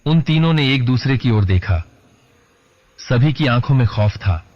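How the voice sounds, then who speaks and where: A man giving a dramatic, measured scripted horror narration in a lo-fi recording. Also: mid-range voice, expressive. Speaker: horror storyteller. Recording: lo-fi dull recording.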